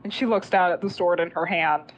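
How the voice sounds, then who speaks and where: A woman player improvising narration of her character's actions in a fantasy game, halting, informal and dramatic. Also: fairly low pitch, rough recording.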